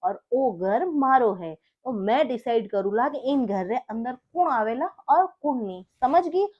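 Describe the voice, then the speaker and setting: Comic skit: a woman doing a rude, bossy Marwari husband, high voice, sneering questions. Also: lively intonation, measured pace, muffled recording. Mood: domineering. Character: angry young husband, harsh, domineering.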